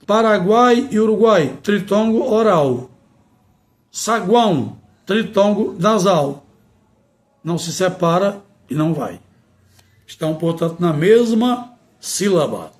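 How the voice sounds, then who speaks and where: A man's voice: high voice, expressive, slow. A man teaching a grammar lesson, reciting rhymed folk verses with a sing-song rhythm and then explaining them plainly.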